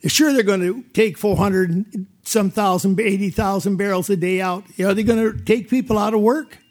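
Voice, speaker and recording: A man's voice: high-pitched, moderate pace, a little mellow. A middle-aged man from North Dakota, giving emotional, plain-spoken testimony as a landowner at a public hearing.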